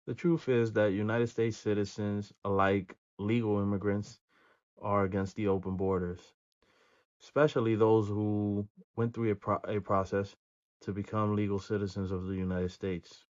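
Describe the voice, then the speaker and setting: Low-voiced man reading statistics on camera. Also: flat delivery, darkish tone, lo-fi sound. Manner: measured reading with frequent filler pauses. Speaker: video host. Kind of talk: reaction commentary, reading statistics.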